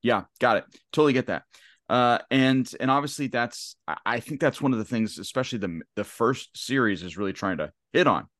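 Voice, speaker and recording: A man hosting a casual podcast discussion, talking in a halting way with many restarts. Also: mid-range voice, lively intonation, fairly bright tone, no room sound, clean studio sound. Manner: halting, lots of restarts and fillers. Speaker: podcast host.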